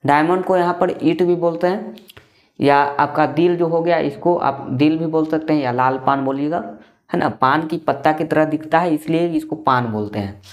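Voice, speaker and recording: A man's voice: a little high, normal speed. Repetitive maths teacher, man. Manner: repetitive, asks and answers own questions. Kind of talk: casual classroom explanation.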